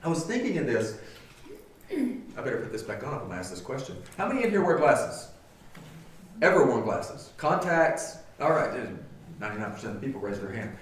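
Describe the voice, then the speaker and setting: A man's voice: medium pitch, very animated, a little fast, slight background noise. A man preaching a sermon as pastor, talking to his congregation in an earnest, conversational way full of rhetorical questions. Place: church sanctuary. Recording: echoey church hall, mic at a distance.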